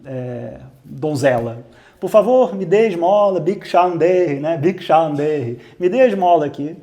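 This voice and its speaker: A man's voice: a little high, animated, unhurried, mellow. A demon king in disguise begs theatrically, stretching his pleas like an old-fashioned beggar, as a man puts it on. The voice carries a Brazilian accent. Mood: pleading. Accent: Brazilian Portuguese. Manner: pleading, theatrical.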